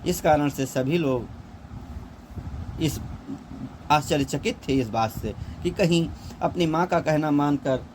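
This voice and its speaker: Slow, measured Hindi teacher, man. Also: a little high, a little mellow, a little hiss or hum. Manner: recites verse slowly in a raised sing-song, then explains line by line. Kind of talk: explaining a poem in a class lesson.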